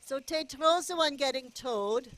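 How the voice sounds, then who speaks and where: A woman's voice: sits high, measured pace, a bit bright. A woman doing casual play-by-play commentary at a go-kart race, chatty and cheering the drivers on. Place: outdoor go-kart race track.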